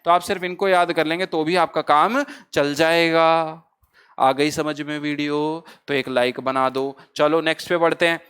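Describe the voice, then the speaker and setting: A man's voice: fairly high pitch, normal speed, clear, resonant tone. A man teaching exam grammar. He keeps putting questions to his students, answers them himself, and calls his listeners brother. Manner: asks the class a question, then answers it himself; lively, teasing, lightly humorous. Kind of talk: exam-prep grammar lesson.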